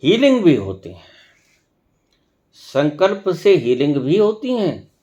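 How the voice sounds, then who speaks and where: A man giving a spiritual discourse as a teacher, speaking slowly and emphatically with long pauses. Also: a little high, huge pitch swings, mellow, muffled recording. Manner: slow, emphatic, with long pauses and rising stresses.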